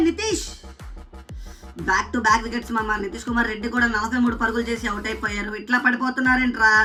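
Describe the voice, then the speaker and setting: Woman, excited cricket game commentary, bright forceful voice, repeated exclamations, distant mic, music behind. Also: fairly high pitch. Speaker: gaming commentator. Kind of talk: casual play-by-play commentary of a cricket video game.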